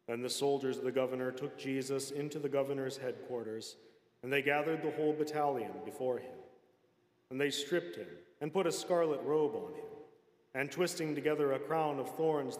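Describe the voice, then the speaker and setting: A man reads scripture aloud in a solemn, measured way, never hurrying. His voice sits at an ordinary middle pitch. It rings through a large hall, trailing a long reverb. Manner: measured, unhurried reading. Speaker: scripture reader. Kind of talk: solemn public scripture reading.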